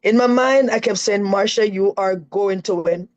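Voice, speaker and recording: A woman's voice: mid-range voice, moderate pace, darkish tone, lo-fi sound. Emphatic Jamaican woman telling her story. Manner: earnest and emphatic, often adds "right?". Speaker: interview guest. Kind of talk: live-stream interview, telling her story.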